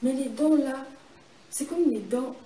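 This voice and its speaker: A woman sharing a personal testimony in conversation, telling it in an animated way with frequent restarts and acted-out reactions. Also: high voice, a little slow. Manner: animated, repeats and restarts phrases, acts out her reactions. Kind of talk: conversational storytelling. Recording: roomy, distant mic, steady background noise.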